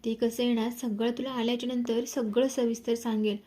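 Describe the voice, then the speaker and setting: A woman's voice: a little high, little pitch movement, fairly quick, mellow, close to an everyday voice. A woman voicing a loving old grandmother. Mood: gentle. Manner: affectionate, pleading. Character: loving elderly grandmother, tender and tearful.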